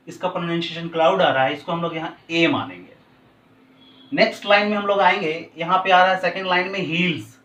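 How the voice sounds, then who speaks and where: A male teacher, explaining a poem to a class, who switches between slowly drawn-out English and quicker Hindi. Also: high-pitched, a bit bright, distant mic. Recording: roomy, from off the mic.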